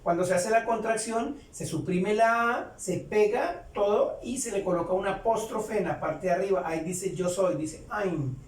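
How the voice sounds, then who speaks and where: A man teaching English grammar step by step, repeating each example sentence slowly and patiently. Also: high-pitched. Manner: slow, repetitive, explains each example twice. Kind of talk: step-by-step tutorial. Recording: roomy, distant mic with faint ambience.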